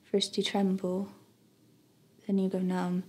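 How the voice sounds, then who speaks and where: A young woman acting a dramatic monologue as a grieving daughter, with a sorrowful, measured delivery and hushed phrase endings. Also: mid-range voice, monotone, slightly rough. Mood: quiet sorrow. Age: young adult. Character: grieving daughter recalling her dead father, wistful and sorrowful. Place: plain studio, indoors.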